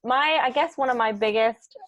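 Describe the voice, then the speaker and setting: A woman guest in a casual interview, upbeat and thinking aloud with many pauses. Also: fairly high pitch, a bit bright, dry recording, highs cut off. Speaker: podcast co-founder guest.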